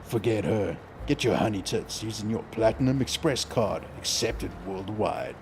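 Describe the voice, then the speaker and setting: A man voicing a smooth, deep male radio ad announcer with a slow, mock-sincere sales pitch. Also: noisy background. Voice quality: low, slow announcer delivery.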